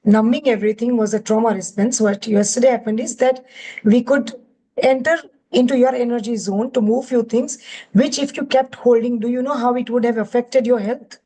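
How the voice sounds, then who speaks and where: Mellow-voiced woman teaching a workshop. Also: on the high side, fairly even intonation, normal speed, rough recording. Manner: gentle, coaxing, mixes in Hindi words.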